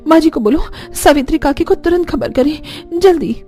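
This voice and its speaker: A woman's voice: high voice, expressive, moderate pace, dark tone, soft background music. Woman voicing a devoted caring young mother. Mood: urgent. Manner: tender, urgent.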